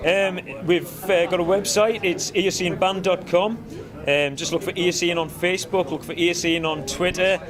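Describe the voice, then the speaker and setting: A man's voice: sits high, steady tone, normal speed. A man with a Cumbrian accent, a band musician giving a casual interview in a rambling way, often saying "you know". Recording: busy crowd chatter around. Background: crowd chatter at a live event.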